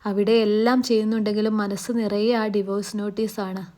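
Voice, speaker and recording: A woman narrates a first-person love story. Her reading is soft and earnest. The voice sounds mellow and warm. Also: medium pitch, level tone, a little fast.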